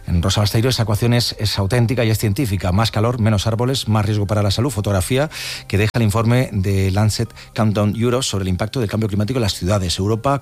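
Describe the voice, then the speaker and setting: A man's voice: fairly low pitch, darkish tone. A man hosting a radio talk show, presenting segments and chatting with guests and commentators, with frequent fillers.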